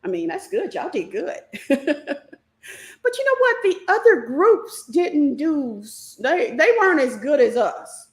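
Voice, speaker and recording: A middle-aged woman hosting a live online stock class, talking fast and animated while she reacts to viewer comments. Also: sits high. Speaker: stock market class host.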